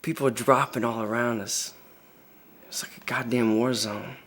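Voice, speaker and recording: An actor playing a young soldier telling a wild story, profane and swaggering. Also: male voice, mid-range voice, fairly even intonation, normal speed, fairly bright tone, lightly acted. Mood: brash. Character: brash young male soldier, reckless storyteller. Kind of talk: dramatic monologue.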